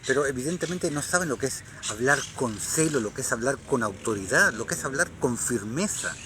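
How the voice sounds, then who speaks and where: A man reading scripture and preaching on it, fervent and rising to loud, emphatic declarations. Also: medium pitch, expressive, brisk, background noise. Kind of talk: Bible reading and sermon commentary.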